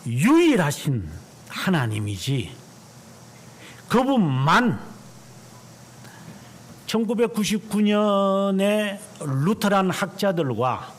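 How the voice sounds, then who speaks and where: A man over fifty, a pastor delivering a sermon in church, emphatic and drawing out key words slowly. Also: high voice, very animated.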